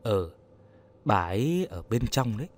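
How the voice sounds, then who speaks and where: Storybook role: male narrator plays a broken old man, choked with sorrow, lively pitch. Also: moderate pace. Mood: hushed, sorrowful. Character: grieving guilt-ridden old man.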